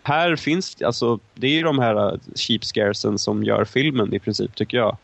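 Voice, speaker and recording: A man's voice: on the low side, creaky, no room sound. A young man co-hosting a casual film review chat, talking in long, winding, hesitant turns. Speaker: film podcast co-host.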